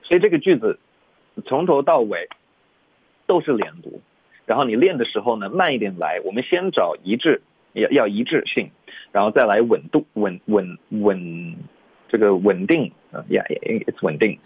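Husky male teacher on a tinny line. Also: fairly low pitch, animated, no echo. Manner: explains slowly, models English phrases repeatedly. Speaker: English pronunciation teacher. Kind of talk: radio English lesson in Mandarin. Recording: dry, phone-like narrow radio sound.

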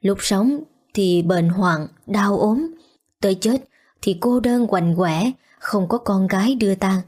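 A blunt old village man in a spoken storybook, as a woman voices him, slow and reproachful. His words are plain and scolding. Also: mid-range voice, a little mellow.

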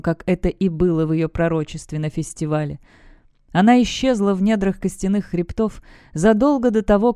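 A narrator reading a fantasy novel aloud in an even storytelling manner. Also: medium pitch, clean tone, no room sound, clean studio sound. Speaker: audiobook narrator.

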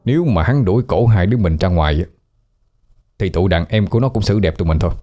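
Guy doing a sneaky young lover, low smooth voice plotting. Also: expressive, fast, warm tone, faint music behind. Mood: scheming. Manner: smooth, scheming. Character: sly young male cousin, treacherous lover.

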